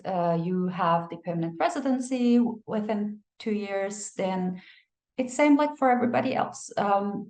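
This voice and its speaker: A woman giving animated migration advice, telling stories and acting out the people she quotes. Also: medium pitch. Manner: expressive storyteller, acts out quotes, laughs. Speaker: migration advisor. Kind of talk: animated advice talk with anecdotes. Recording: echoey room.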